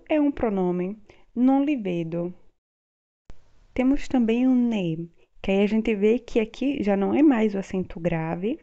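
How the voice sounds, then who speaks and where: Female teacher, patient explainer, dark mellow tone, muffled lo-fi recording. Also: mid-range voice. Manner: explains slowly, spells out example words. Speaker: Italian teacher. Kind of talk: online language lesson.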